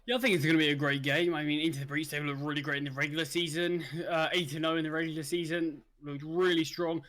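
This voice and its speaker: A man's voice: on the high side, fast talker. A man giving casual color commentary on an esports match, correcting himself as he goes. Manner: relaxed, casual, self-correcting. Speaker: esports co-caster.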